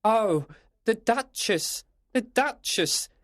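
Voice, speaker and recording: A woman's voice: a little high, lively intonation, slow pace, no room sound, studio quality. A woman voicing an elegant, anxious, flustered male rabbit in a storybook. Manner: fretful. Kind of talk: storybook character acting.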